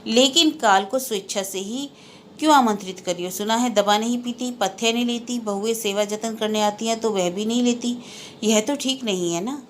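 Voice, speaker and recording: A woman's voice: on the high side, moderate pace, slight background noise, close to an everyday voice. A woman reading the part of an older female relative who chides earnestly but with care. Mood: chiding.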